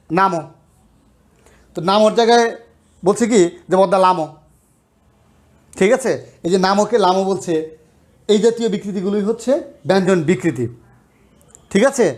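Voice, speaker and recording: High-voiced man teaching grammar. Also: a little mellow. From Bangladesh. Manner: explanatory, checks in often with rhetorical questions. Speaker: college lecturer. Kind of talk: grammar lesson.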